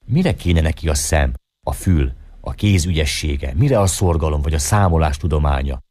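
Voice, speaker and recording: A man calmly reading a short story aloud as an audiobook narrator. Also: rumbling low. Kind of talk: scripted narration.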